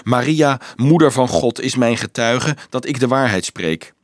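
A man's voice: medium pitch, lively intonation, measured pace, no room sound, lightly acted. A man reading a storybook aloud, voicing a brave teenage boy who pleads earnestly with a raised voice.

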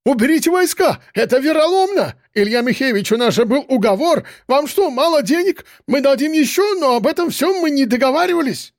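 A man's voice: expressive, fairly quick, hardly any pauses, no room sound, studio quality. A man voicing a panicking pudgy male businessman who shrieks and pleads. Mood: hysterical. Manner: hysterical, pleading, shrill.

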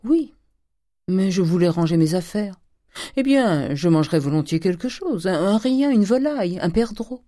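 A woman reading an audiobook, voicing a flattering young male Parisian dandy in an airy, coquettish way. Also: fairly low pitch, moderate pace, no echo, clean studio sound, pitched above the performer's own voice, close to an everyday voice.

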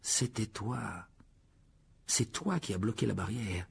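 A man voicing a young boy wizard in an audiobook drama, asking sharp, demanding questions. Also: on the low side, animated, unhurried, vocal fry, breathy edge, exaggerated voice.

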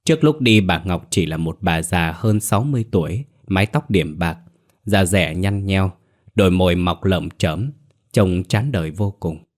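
A man narrating a scripted ghost story in a steady, measured way. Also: low voice.

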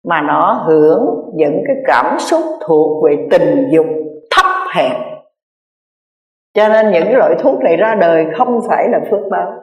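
A Buddhist nun delivers an earnest sermon, repeating key phrases for emphasis and speaking straight to her listeners. Her mid-pitched voice rings through a roomy hall with a long, trailing reverb. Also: muffled recording. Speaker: Buddhist nun giving a dharma talk.

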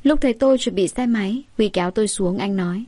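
A woman's voice: medium pitch, quick pace, no room sound. Dry-voiced woman storyteller. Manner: lively, conversational storytelling. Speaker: audiobook narrator. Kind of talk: first-person story narration.

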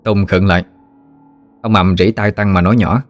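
A man's voice: low-pitched, fairly even intonation, moderate pace, no echo, soft background music. Man narrating. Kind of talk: storytelling audiobook narration.

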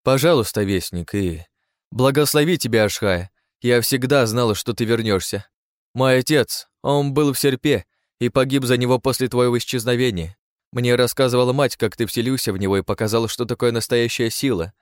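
A man's voice: mid-range voice, moderate pace, no echo, studio quality, pitched above the performer's own voice, natural voice. A man voicing an earnest, grateful elf woman, in an audiobook. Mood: reverent.

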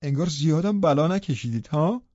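A man voicing a chatty, gossiping village housekeeper woman in an audiobook, his voice pushed up high. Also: lively intonation, dark tone, dry recording, dull audio, lightly acted. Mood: gossipy. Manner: gossipy, breathless chatter, raised voice.

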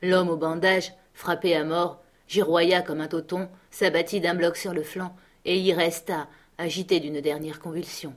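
A woman narrating a classic adventure novel aloud in a measured, expressive storytelling voice. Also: lowish voice. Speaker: audiobook narrator.

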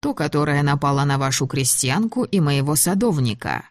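A woman's voice: low-pitched, expressive, normal speed, no echo, clean studio sound. A woman reading as a coldly mocking officer. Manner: smooth, ironic, commanding. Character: cold, mocking German officer, man, middle-aged.

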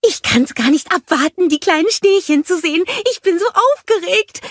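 A woman voicing an excitable, cheerful little male snowman who gushes with delight. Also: sits high, measured pace, dry recording, clean studio sound, pitched above the performer's own voice. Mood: gleeful. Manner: gushing, squealing with delight.

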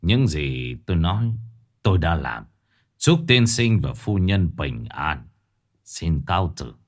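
A man voicing a blind old male fortune-teller in a storybook ghost tale, speaking slowly, low and without emotion, with cold authority. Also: sing-song, full character voice. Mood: cold, scornful. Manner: slow, low, emotionless and commanding.

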